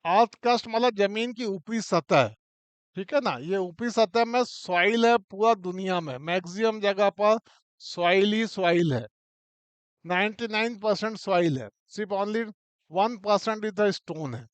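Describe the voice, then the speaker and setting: High, crisp-voiced male mining teacher. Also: measured pace, dry recording. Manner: talks through a model step by step, often checks in with the listener. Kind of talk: informal classroom explanation.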